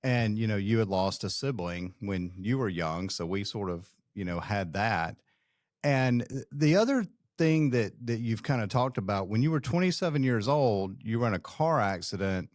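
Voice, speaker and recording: A middle-aged man hosting a finance podcast, reflective and steady as he builds his points. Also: lowish voice, moderate pace, no echo, studio quality. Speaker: podcast host, financial planner. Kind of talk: conversational interview hosting.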